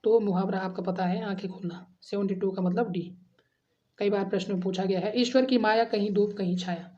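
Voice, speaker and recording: A woman teaching an exam-prep grammar lesson, reading out each question and its options. She keeps asking her students what they think before settling on the answer and repeating the option letter. Her voice sits at an ordinary middle pitch, and the recording sounds dull and lo-fi. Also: steady tone, a little fast, warm tone. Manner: addresses students as friends, asks and answers quiz questions.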